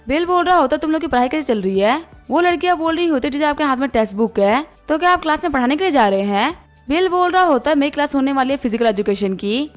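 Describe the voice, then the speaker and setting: A woman narrating a story recap, reading every character's lines in her plain voice. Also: high voice. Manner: reads all dialogue in her plain voice. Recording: faint background music.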